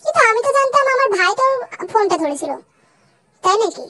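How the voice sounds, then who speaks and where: A woman's voice: very high-pitched, big pitch swings, fast, bright, forceful tone, dry recording, heavily acted. A young woman voicing a bossy college girl who teases and scolds her friend, in a fan dub drama. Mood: teasing. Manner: teasing, scolding.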